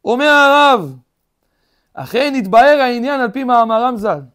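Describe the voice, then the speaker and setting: A man's voice: very high voice, expressive, a bit bright. A man who is a rabbi giving a weekly Torah lesson in a study hall. He asks rhetorical questions, acts out quoted speech and talks straight to his listeners. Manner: addresses listeners directly.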